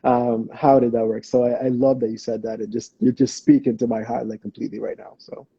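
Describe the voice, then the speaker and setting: A man's voice: mid-range voice, little pitch movement, fairly quick, creaky, dark tone, breathy edge, dry recording, highs cut off. A man from the Bahamas hosting a podcast, affirming and reflective, often praising his guest in casual interview chat. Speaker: podcast host.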